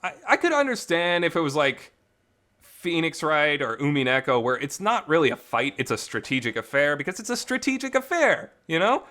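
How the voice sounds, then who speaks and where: Talking at normal speed, the visual novel reviewer sounds sing-song and sharp, his pitch on the high side. It's an unscripted, podcast-style review, emphatic and colloquial with mild cursing, recorded in a reverberant makeshift home space.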